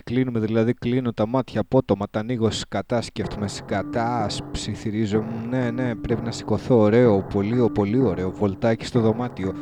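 A man reading his own surreal first-person story in a casual, slangy way, stopping to correct his lines. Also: mid-range voice. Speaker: performer recording a spoken piece.

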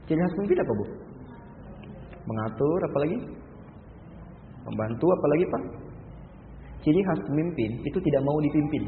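A man preaching a sermon, telling stories and acting out other people's voices, rising in pitch and volume when he stresses a point. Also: lively intonation, a little fast, pauses often, a little hiss or hum. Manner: storytelling, acting out voices of mother and child. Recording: echoey hall over a lo-fi, phone-like line.

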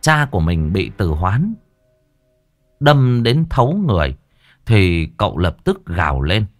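A man narrating a ghost story with dramatic, expressive pacing. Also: sits low, a little slow, dry recording. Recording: dry close voice over faint music.

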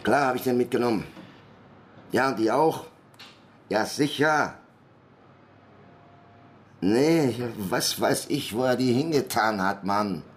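In a radio crime drama, an actor plays a harried, irritated man on the phone who speaks haltingly, repeats himself, and mutters curses. His voice is mid-range and animated.

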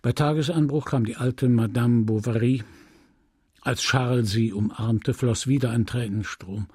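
A man reading a classic novel aloud in a measured, grave narration. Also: mid-range voice, steady tone, mellow, husky, no room sound, clean studio sound. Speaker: audiobook reader. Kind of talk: scripted literary narration.

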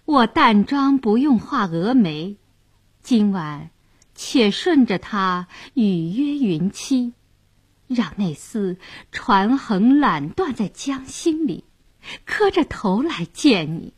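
A woman's voice: on the high side, takes it slowly, husky, no echo, full character voice. A woman doing a bold, clever young wife. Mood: defiant. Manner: defiant, then coy and flattering.

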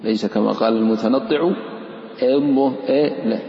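A man's voice: medium pitch, moderate pace, warm tone. A man teaching the rules of Quran recitation, explaining patiently and chanting short recited examples. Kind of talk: lesson on tajweed rules. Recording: echoey hall, dull lo-fi sound.

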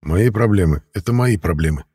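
A man's voice: deep voice, lively intonation, fairly quick, dark tone, breathy edge, dry recording, clean studio sound, exaggerated voice. A man voicing an arrogant, sullen male ghoul who hisses and grumbles his lines. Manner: grumbling, hissing.

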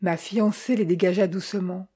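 A woman reading a novel aloud as narrator, in a measured, literary way. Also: mid-range voice, fairly even intonation, warm tone, breathy edge. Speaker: audiobook narrator. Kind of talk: scripted narration.

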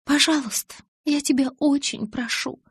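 A woman playing a bubbly young vampire girl in an audiobook, her voice pitched high above the narration and full of excitable wheedling. The tone stays husky, and the recording is dry and close. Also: moderate pace, no room sound. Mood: pleading.

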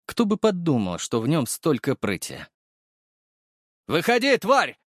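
A man narrating a first-person audiobook, storytelling lively and voicing the characters. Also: mid-range voice, moderate pace, no echo, clean studio sound.

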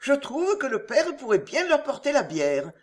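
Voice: sits high, very animated, moderate pace, pitched above the performer's own voice. A reader voicing a cheerful, good-humoured young innkeeper's daughter in an audiobook of a period novel. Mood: exasperated.

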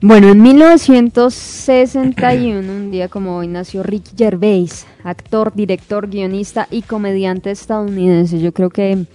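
A woman's voice: mid-range voice, fairly even intonation, normal speed, hardly any pauses, dark tone, faint music behind. A female radio co-host in casual on-air chat, reading out dated anniversaries and agreeing readily.

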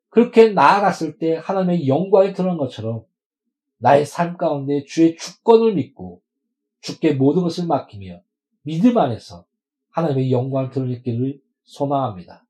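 A man's voice: fairly high pitch, warm tone, low-quality recording. A male pastor preaching a sermon to his congregation, emphatic and stretching words out for stress.

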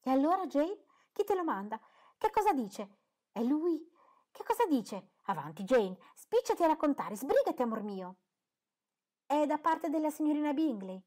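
A woman voicing an excitable, fussy middle-aged mother who talks high, loud and eager in a storybook reading. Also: moderate pace. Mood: impatient.

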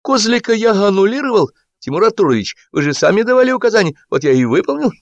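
A man voicing a chubby, fawning film administrator who reports in a quick, falsely cheerful tone, pitched far above his own voice. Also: sing-song, dry recording, dull audio. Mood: jaunty.

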